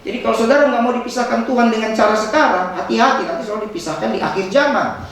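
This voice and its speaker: A male pastor preaching a sermon, emphatic, with sudden high dramatic outbursts and quick asides. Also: a bit bright. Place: church hall. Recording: echoey hall, distant mic, faint noise.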